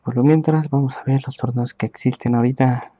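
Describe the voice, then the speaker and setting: A man calling a live esports match from home, giving hurried play-by-play and talking to his viewers. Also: mid-range voice, fairly even intonation, dark tone, lo-fi sound. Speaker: esports caster. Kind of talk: live game commentary.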